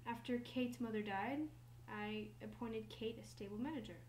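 A plain-spoken stable owner lays out his barn in a doll video, as a teen girl puts him on. The voice stays close to her own, fairly high, with a steady, matter-of-fact delivery and a faint hum underneath. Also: moderate pace, close to an everyday voice, low-quality recording. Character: man who owns a stable, plain and businesslike. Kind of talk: doll video role-play.

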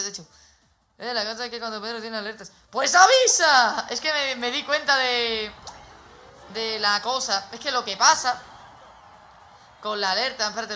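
A man with a Spain Spanish accent, commenting live on his gameplay as a streamer, excitable and breaking into shouts and laughs. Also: sits high, slight background noise. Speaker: gaming streamer.

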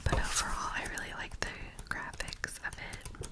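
A woman hosting an ASMR video in a breathy whisper, casually describing items in hushed remarks. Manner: slow, gentle-paced, hushed casual remarks.

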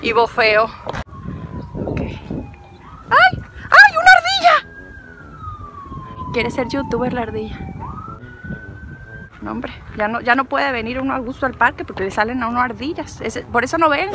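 A woman's voice: on the high side, a little fast, noisy background. A woman with a Mexican accent vlogging casually while walking through an outdoor park, chatting playfully and rambling to herself and the camera.

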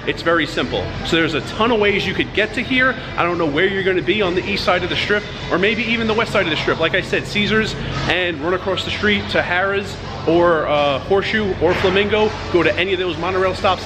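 Filming himself on a handheld camera at arm's length, a man in his thirties walks through indoor casino halls and onto a sidewalk beside a highway, casually giving step-by-step directions. His voice sits high and brisk over music and traffic noise in a low-quality recording, plainly instructive as he points the way.

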